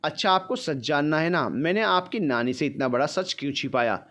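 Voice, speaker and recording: A man's voice: a little high, lively intonation, normal speed, a bit bright. A man voicing a young mother who pleads anxiously with her son. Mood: pleading.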